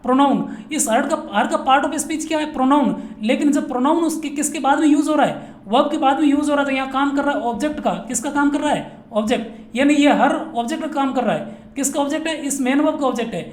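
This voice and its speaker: In a very high-pitched voice at a quick pace, a male Rajasthani teacher drills students on grammar. He poses questions, supplies the answers himself, and repeats every point many times in a playful manner, recorded in an echoey room with faint noise.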